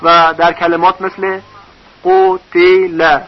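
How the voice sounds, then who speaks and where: A man teaching a recorded lesson on reading vowel marks, patiently spelling out syllables one by one. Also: high voice. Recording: dull lo-fi recording.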